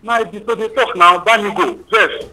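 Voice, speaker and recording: A man's voice: high-pitched, moderate pace, pushed and bright. A man with a Nigerian accent talking casually and asking questions, heard over a phone on speaker. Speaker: husband on a phone call. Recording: phone call on speaker, music behind.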